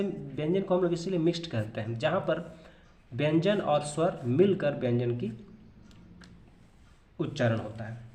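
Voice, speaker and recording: A man's voice: a little high, a little mellow, echoey room. A man teaching a grammar lesson, explaining patiently, repeating terms and answering his own questions.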